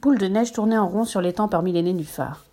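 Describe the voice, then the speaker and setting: A woman reading a children's storybook aloud in a gentle, lively narration. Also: medium pitch, fast talker.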